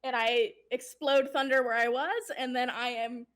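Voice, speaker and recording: Higher-voiced woman playing a tabletop game. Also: fairly even intonation, normal speed, a bit bright. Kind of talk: casual game chat.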